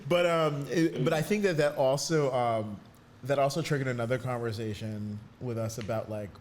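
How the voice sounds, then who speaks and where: A man co-hosting a podcast, chatty and quick to laugh in casual talk. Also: mid-range voice. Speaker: podcast co-host. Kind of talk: casual chat.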